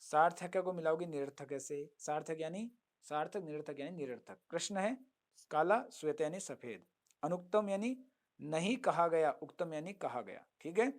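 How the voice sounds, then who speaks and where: A man teaching a Sanskrit lesson, chanting verses slowly, then explaining them and answering his own questions. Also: on the high side, lively intonation. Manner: asks students questions and answers them himself. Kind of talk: online lesson.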